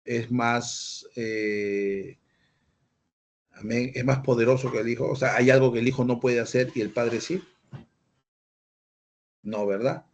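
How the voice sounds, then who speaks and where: Male pastor, sermon delivery, husky gravelly voice, asks rhetorical questions. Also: mid-range voice, steady tone, a little slow, pauses often. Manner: teaching with rhetorical questions, acted-out quotes.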